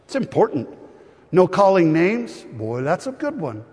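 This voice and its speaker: A male pastor preaching a sermon to a live congregation, animated and joking with the crowd. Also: high voice, unhurried, slightly rough, in a large hall.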